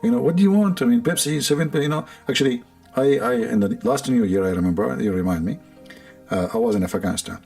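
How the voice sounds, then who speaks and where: A man's voice: medium pitch, fast talker, vocal fry, darkish tone, soft background music. A man with an Arabic accent, a livestream host rambling in a sarcastic, joking way and laughing often. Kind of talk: casual joking monologue.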